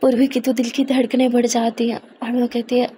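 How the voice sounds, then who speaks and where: A woman's voice: a little high, flat delivery, brisk, warm tone, a little hiss or hum. A woman narrating a dramatic love story in a conversational, emotive way.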